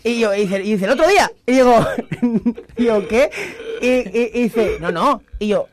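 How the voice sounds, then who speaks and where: A man's voice: high voice, unhurried. A young man with a Spanish accent from Spain, hosting a casual comedy chat and telling stories animatedly, often stumbling over repeated words. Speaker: podcast host.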